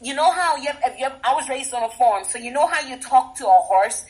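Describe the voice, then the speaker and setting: A woman with a high voice holds forth in a casual group chat. She lays out her advice emphatically and acts out example lines as she goes. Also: animated, fast talker, a little mellow, rough recording. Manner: emphatic, instructive, acts out quotes.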